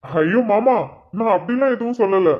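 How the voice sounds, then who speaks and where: A woman's voice: medium pitch, expressive, moderate pace, narrow, tinny audio, pitched below the performer's own voice, lightly acted. A woman voicing a cheeky young man. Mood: flustered.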